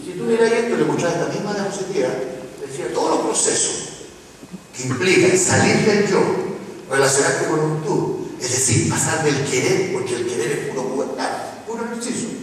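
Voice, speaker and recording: An older Chilean man speaking to a room of parents, animated and full of play-acted voices. His voice sits a little high and comes from far off in a big echoing hall with a long reverb and faint ambience. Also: moderate pace, slight background noise. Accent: Chilean Spanish. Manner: animated, acts out children's voices, tags lines with "¿ah?". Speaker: psychologist giving a talk to parents. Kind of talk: lively public lecture. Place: large school hall. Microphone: distant room mic.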